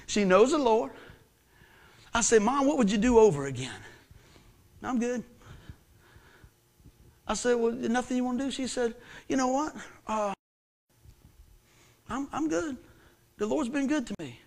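A man preaching a sermon, swinging from hushed lines to shouted ones. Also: extremely high pitch, animated, unhurried, vocal fry, pauses often. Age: 50s. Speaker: pastor.

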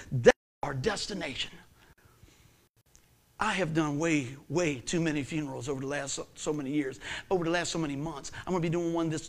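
A man in his fifties preaching a sermon as pastor, swinging from hushed, earnest lines to excited shouts. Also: on the high side. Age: 50s.

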